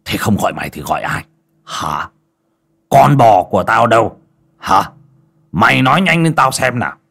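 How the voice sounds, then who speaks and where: A man's voice: lowish voice, lively intonation, normal speed, gravelly, slightly rough, pitched above the performer's own voice, exaggerated voice. A man voicing a brutal old rich landowner, barking abuse at his servants. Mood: raging. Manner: barking, shouting, abusive.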